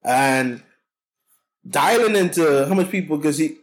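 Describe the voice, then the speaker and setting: Here a cannabis consultant from the Bahamas, fairly high-pitched and animated, tells his story at a measured pace during a relaxed interview. His Bahamian accent is clear, and he's loud, chatty, and prone to repeating himself.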